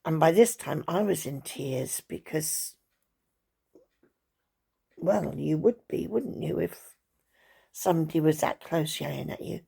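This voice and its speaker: A woman's voice: deep voice, takes it slowly, vocal fry, long pauses, mellow, husky. An older woman chatting at home to her viewers, rambling through a story with asides to her dog. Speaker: vlogger. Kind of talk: casual chat to camera. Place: at home, indoors.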